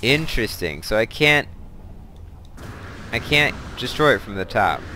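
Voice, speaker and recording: A man's voice: mid-range voice, animated, measured pace, bright, forceful tone, slight background noise. A man hosting a let's play, chatting casually and thinking aloud as he plays, drifting into side stories. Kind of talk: casual gameplay commentary.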